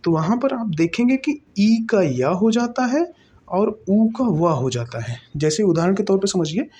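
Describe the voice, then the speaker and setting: This teacher's mid-range voice is warm and slightly rough, with lively intonation and a measured pace. Walking through an exam-prep grammar lesson step by step, they pose and answer their own questions, repeat terms, and frequently check in.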